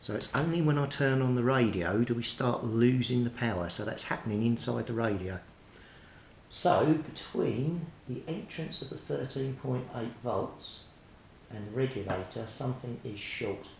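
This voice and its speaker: At a normal speed and with a darkish tone, a hobbyist radio repairer describes his progress. He works through the job methodically and off the cuff, voicing his thoughts as he goes. There's a reverberant room sound and clear low rumbling noise.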